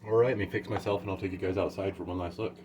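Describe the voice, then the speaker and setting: A man's voice: deep voice, racing. A man hosting a casual home tasting vlog, talking in an easygoing, rambling way with many fillers. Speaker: home gardener reviewing peppers. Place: home and backyard garden. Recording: steady background noise.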